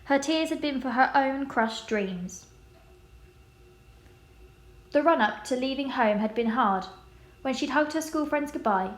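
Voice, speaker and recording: A woman reading a children's novel aloud in a measured, expressive way. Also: fairly high pitch, reverberant. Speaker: storybook reader.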